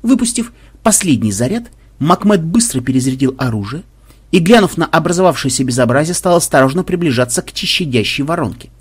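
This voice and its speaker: Husky-voiced man reading a story. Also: a little high, brisk. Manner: lively, ironic storytelling. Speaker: narrator. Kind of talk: expressive audiobook reading.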